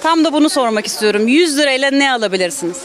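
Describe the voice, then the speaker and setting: Woman street reporter, fast and high-pitched, putting questions to shoppers outdoors. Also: animated, crowd noise. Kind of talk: vox-pop interviewing. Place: outdoor neighbourhood street market.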